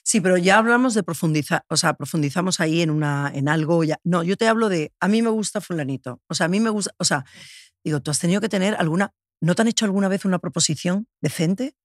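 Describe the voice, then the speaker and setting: A woman's voice: lowish voice, quick pace, dry recording. Chatty woman interviewer, dry sound. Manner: chatty, peppers speech with "¿sabes?" and "o sea". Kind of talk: intimate conversational interview.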